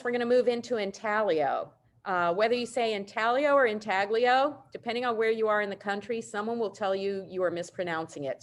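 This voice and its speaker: A middle-aged woman printmaker giving a virtual presentation over a video call, explaining prints with warm enthusiasm and casual asides. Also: mid-range voice. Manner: informal asides and self-corrections. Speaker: printmaker presenting artists' work.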